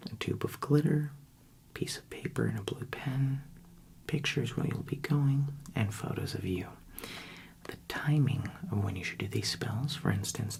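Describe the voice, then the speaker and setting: A man performs a whispered role-play as a friendly librarian. His library whisper is soft and breathy with a gravelly, fry-laden edge. He speaks gently and unhurriedly, with chatty asides straight to the listener. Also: medium pitch.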